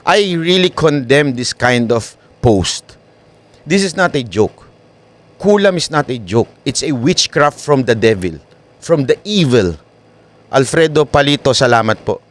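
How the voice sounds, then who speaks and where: A man giving live-stream commentary in an animated way, often tossing tag questions to viewers. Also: mid-range voice. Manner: animated, keeps asking "di ba?". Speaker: online news commentator.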